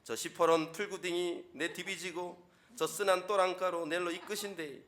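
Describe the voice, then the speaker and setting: A man's voice: fairly even intonation, normal speed. A man putting on a boisterous Gyeongsang-dialect speaker with a raised, laughing voice in a sermon. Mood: playful. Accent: Gyeongsang dialect, put on. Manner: pitched up, loud and laughing.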